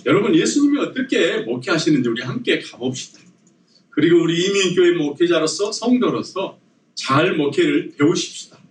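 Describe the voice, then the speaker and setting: A man's voice: on the high side, moderate pace. A man preaching a sermon as pastor, telling a joke story and prompting the congregation to repeat after him. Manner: lively storytelling with jokes and audience prompts. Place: church sanctuary. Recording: echoey church hall, mic at a distance.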